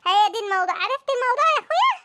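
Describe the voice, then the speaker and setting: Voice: extremely high pitch, big pitch swings, very fast, heavy background noise. Voice of a fed-up Egyptian cartoon mom. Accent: Egyptian Arabic. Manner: exasperated ranting, whiny. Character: fed-up Egyptian young mother of three. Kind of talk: cartoon comedy voice acting.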